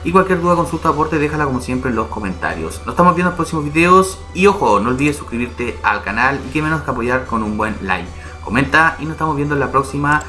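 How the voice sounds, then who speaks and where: A YouTube channel host talks through a website step by step in a casual screen-recorded tutorial, often checking in with viewers by asking "¿ya?" and "¿vale?". His voice is medium in pitch, fast, bright and forceful, with lively intonation. Soft music plays in the background.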